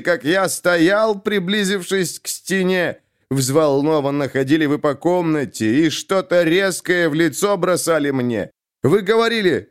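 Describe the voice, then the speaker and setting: A man performs a tipsy police captain, his voice pushed up high and stretched slow. He recites with theatrical swells. It is an audiobook character. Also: clean tone. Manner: slurring, theatrical poetry recital. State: drunk. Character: drunk male police captain reciting poetry.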